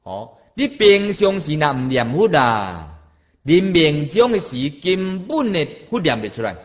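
A man's voice: a little high, very animated, measured pace. A middle-aged man preaching a Buddhist sermon, drawing out his phrases with emphasis and posing rhetorical questions to the listeners. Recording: dull lo-fi recording.

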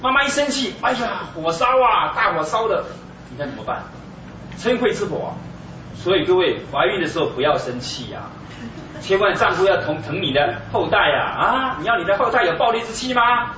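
A man's voice: high voice, expressive, brisk, sharp tone, a little hiss or hum. A man giving a Buddhist sermon in an emphatic, exclamatory way, full of rhetorical questions to the audience. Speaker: Buddhist lecturer. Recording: echoey, distant, dull room recording.

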